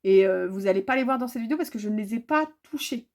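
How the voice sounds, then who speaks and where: A woman's voice: on the high side, animated, quick pace, a little mellow. A woman chatting casually to her viewers about her cross-stitch projects, full of fillers and repeated words.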